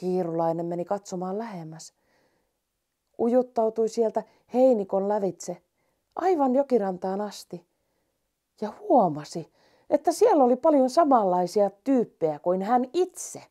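A woman with a mid-range voice reads a children's story aloud, gentle and expressive in her storytelling.

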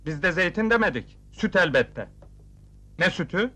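A clumsy young town officer in a comedy film who puffs himself up to sound stern, then fumbles his words trying to smooth things over. His voice sits high and bright. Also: animated, heavily acted. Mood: mock-stern. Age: young adult. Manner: bumbling, mock-stern, quick to backpedal. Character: naive, clumsy young male municipal officer, comic. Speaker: municipal officer character.

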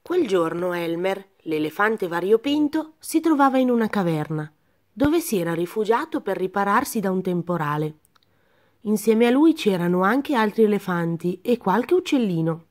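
A woman reading a children's picture book aloud, her narration calm, gentle and even. She keeps the storytelling voice a little lower and softer than the animals she plays. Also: moderate pace.

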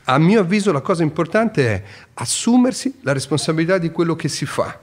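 A man's voice: a little high, brisk. A middle-aged man, a podcast guest talking earnestly and explaining his views in casual conversation. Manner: earnest, explanatory, animated when telling stories.

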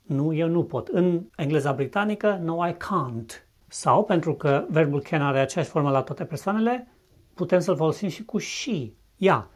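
A man teaching a recorded English lesson, who explains patiently and says each English example slowly and clearly before translating it. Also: on the high side, expressive, a little mellow. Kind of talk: recorded video lesson narration.

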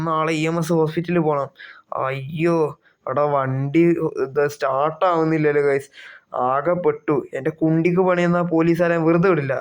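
A young man talking through a game for his channel, animated and comic, breaking into yelps and exclamations. His voice sits on the higher side and is very smooth and clear. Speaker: gaming YouTuber. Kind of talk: gameplay commentary with role-play.

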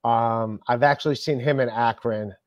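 A man's voice: medium pitch, fairly even intonation, dry recording, lo-fi sound. A man hosting a casual podcast chat, swearing a lot and ranting when annoyed. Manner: profane, ranting, quick to anger. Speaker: comedian podcast host.

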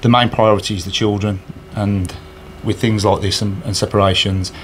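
In front of a sponsor board indoors, a man organising a charity match is interviewed with a handheld recorder held by the interviewer. His lowish voice is flat and moves at a moderate pace, his answers earnest but full of fillers and restarts, with slight background noise.

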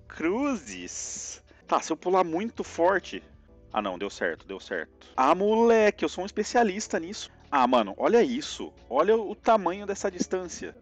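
A man with a Brazilian Portuguese accent giving lively live commentary on a platform game, yelping and groaning at each jump. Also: mid-range voice. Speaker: streamer playing a platform game.

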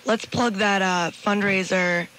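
A woman hosting a radio talk show, gushing and excitable, stumbling into restarts. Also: medium pitch, slow pace, slight background noise, rough recording. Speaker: radio host. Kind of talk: casual radio chat. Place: radio studio.

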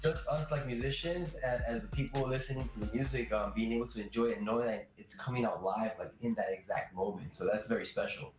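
A man's voice: mid-range voice, brisk, few pauses, faint music behind. Young male musician guest, casual and rambling, echoey home video call. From Miami. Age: young adult. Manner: chatty, many fillers. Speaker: percussionist guest. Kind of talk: casual interview. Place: room at home. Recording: roomy video-call audio.

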